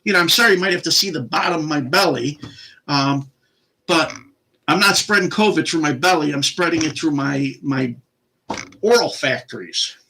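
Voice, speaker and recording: A man's voice: fairly high pitch, moderate pace, vocal fry, sharp tone, slight background noise, low-quality recording. A middle-aged man telling a story in a casual, indignant rant and acting out both sides of the argument.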